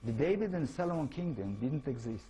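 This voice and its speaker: A man's voice: medium pitch, animated, a little fast, mellow, low-quality recording. A man from Israel, speaking English with an Israeli accent, gives an informal lecture as an author and keeps asking his audience rhetorical questions. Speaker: author giving a talk.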